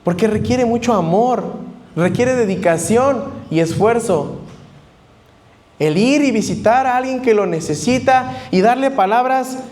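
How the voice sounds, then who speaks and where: A man's voice: high-pitched, darkish tone. A man preaching a sermon to a congregation, teaching word meanings and putting questions to his listeners. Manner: teaching, asks the congregation questions and spells out Greek terms.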